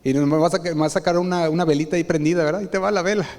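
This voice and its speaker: A man preaches, his voice sitting on the higher side for a man. He brings his stories to life by playing the people he quotes. A long reverb from the church hall trails behind his words. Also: quick pace. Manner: animated storytelling, acting out quoted dialogue. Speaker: pastor. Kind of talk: sermon.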